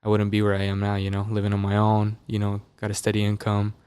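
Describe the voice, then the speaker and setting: A man's voice: lowish voice, quick pace, clean tone, no room sound. A young man from Las Vegas, a musician guest on a podcast, telling stories loosely with lots of fillers. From Las Vegas, USA. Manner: relaxed, loose, filler-heavy storytelling. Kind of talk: casual interview chat. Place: podcast studio. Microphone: dynamic studio mic.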